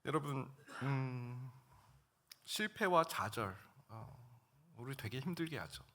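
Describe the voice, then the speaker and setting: A middle-aged male pastor preaching a sermon, telling a personal story and swinging between hushed and loud moments. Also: mid-range voice, animated, slow pace. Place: church sanctuary.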